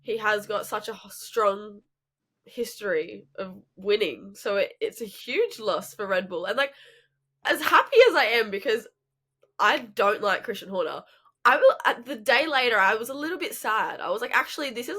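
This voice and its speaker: A woman's voice: medium pitch, animated, moderate pace, a bit bright, slightly rough. A woman co-hosting a casual podcast, speaking frankly and emphatically with lots of filler words. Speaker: podcast co-host. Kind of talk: casual chat.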